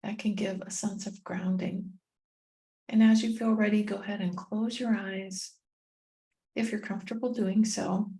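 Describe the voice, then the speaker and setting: Here a woman who works as a meditation guide and tapping coach leads listeners through a meditation at an unhurried pace. Her mid-pitched voice sounds gentle and soft around the edges, and she lets long, soothing pauses follow each short phrase. The audio is poor.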